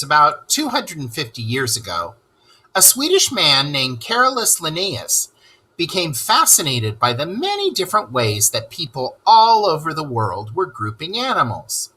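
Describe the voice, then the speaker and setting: In a children's lesson read-aloud, a teacher voices a cheerful male rat, an animal expert and world traveler, enthusiastically teaching kids and asking them questions. His heavily acted voice is on the high side, bright, forceful, and slightly rough, in a rough recording.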